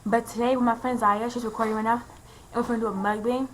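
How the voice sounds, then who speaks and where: A woman's voice: on the high side, little pitch movement, fast talker. A teenage girl from Texas chatting casually while filming a mukbang at home with family. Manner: chatty, loose, giggly. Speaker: vlogger. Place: home living room with family. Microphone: phone camera from across the room. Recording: echoey distant phone recording with background noise.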